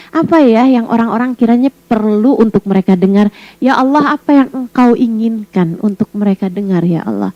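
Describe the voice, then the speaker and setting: Woman preacher, high voice, casual teasing sermon, rhetorical questions. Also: dry recording, poor audio. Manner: lively, teasing, asks many rhetorical questions. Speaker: Islamic preacher.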